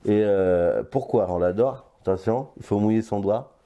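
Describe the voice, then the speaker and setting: A man's voice: fairly low pitch, moderate pace, mellow. An older man reviewing a toy blaster in casual, playful chat, often stopping to hesitate. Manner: chatty and playful, with many hesitations.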